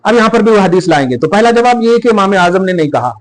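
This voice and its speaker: High-voiced man teaching with emphasis. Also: lively intonation, fast talker, rough recording. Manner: emphatic, explaining step by step and checking understanding. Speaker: Islamic scholar teaching prayer. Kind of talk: religious instruction in a podcast conversation.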